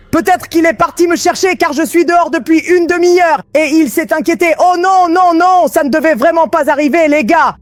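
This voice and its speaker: A man narrating his gameplay in an excited, panicky way, constantly calling out to his viewers. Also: very high voice, no room sound. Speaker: gaming video host.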